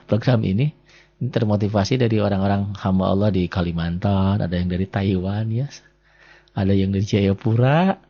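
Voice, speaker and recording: A man teaching Quran recitation rules, patiently repeating each rule and sounding out example words slowly. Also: fairly low pitch, creaky, mellow, slightly rough, muffled recording. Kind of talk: classroom lesson.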